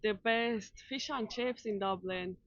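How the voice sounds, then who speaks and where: A woman interviewer with chats in a casual way. She agrees often and repeats what she hears. Her mid-pitched voice sits in a dry, slightly muffled recording. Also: unhurried. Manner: agreeable, echoes the other's words.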